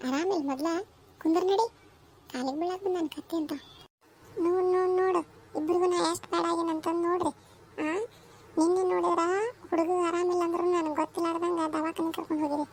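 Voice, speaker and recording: A woman voicing a talkative village mother who speaks in a high, lilting voice with a North Karnataka accent. She scolds and fusses with affection, a homely cartoon matriarch, with a faint hum of noise behind her. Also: a little mellow. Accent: North Karnataka Kannada. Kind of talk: cartoon voice acting.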